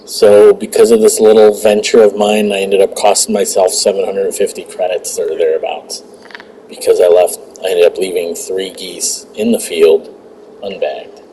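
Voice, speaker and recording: A man talks through a hunting game in a relaxed, rambling way, often restarting his words. His voice sits low and mellow, with a bit of game sound faintly behind him. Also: normal speed, slight background noise, rough recording. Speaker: gaming channel host. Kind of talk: casual gameplay commentary.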